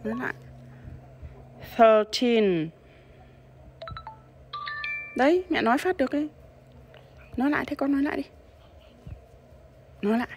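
Mom drilling her kid's pronunciation, fairly high voice, repeats stuff over and over, faint hiss behind. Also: expressive, fast, pauses often. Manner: patient, repeats and stresses sounds for drilling. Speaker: mother coaching her child. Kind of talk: home pronunciation practice.

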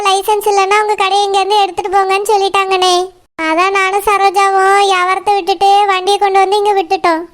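A woman's voice: very high-pitched, a bit bright. A woman with a Tirunelveli Tamil accent voicing a sympathetic village neighbour in a cartoon. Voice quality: explaining, consoling. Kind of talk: cartoon voice acting.

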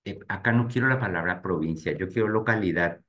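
A low-voiced man leads a live webinar for real estate agents. He speaks straight to his audience and narrates each click out loud as he works through the screens. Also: brisk, highs cut off. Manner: talks to "gente" directly while clicking through screens, thinking aloud. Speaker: real estate marketing instructor.

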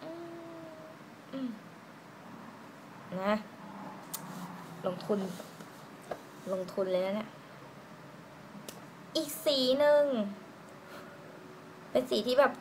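A woman doing a casual lipstick swatch review, chatty and giggly, musing aloud with drawn-out fillers. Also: on the high side. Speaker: beauty vlogger. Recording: noisy room ambience.

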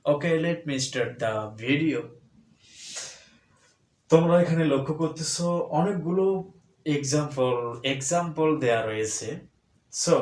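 A man with a Bangladeshi accent who teaches English, drilling example phrases by saying them over and over, loud and drawn out. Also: medium pitch. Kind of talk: spoken English lesson. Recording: echoey room.

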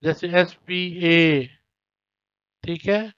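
A male teacher from Pakistan explains a school lesson to young children. He reads each point, translates it, repeats key words slowly and checks that the children follow. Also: high-pitched, steady tone, a bit bright, clear, resonant tone, dry recording. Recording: dull lo-fi recording.

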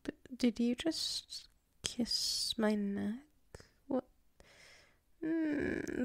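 A woman plays a flustered, submissive tsundere werewolf in an intimate ASMR roleplay, speaking haltingly and murmuring, often dropping into whispers. Her mid-range voice is creaky. The mic is close, and the recording has no echo.

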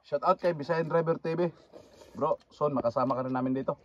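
Lalaking ngumunguya habang nagsasalita. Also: male voice, a little high, a little fast, muffled recording, slight background noise. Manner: casual shout-outs between bites. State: chewing while talking. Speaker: vlogger. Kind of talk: mukbang eating vlog.

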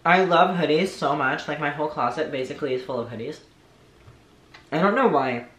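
A man's voice: fairly high pitch, fairly quick, fairly bright tone. Young man talking with his mouth full. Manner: rambling, heavy use of "like". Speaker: vlogger. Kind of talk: casual mukbang chat to camera. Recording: echoey room with faint noise.

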